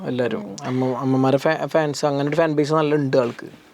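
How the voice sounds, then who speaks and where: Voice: mid-range voice, fairly even intonation, normal speed, darkish tone. A podcast co-host talking casually, blunt and opinionated. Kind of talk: casual chat about a reality show.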